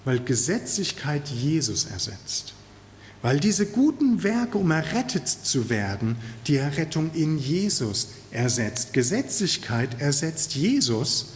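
A man's voice: on the high side, sing-song, takes it slowly, big-room sound, a little hiss or hum. A man preaching a sermon in an earnest, emphatic way, stressing key words.

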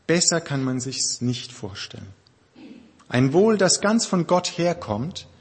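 A German pastor delivers a sermon in a thoughtful, conversational style, often pausing to search for words. His fairly high voice is slightly husky, and a long reverb trails after it, as in a large church.

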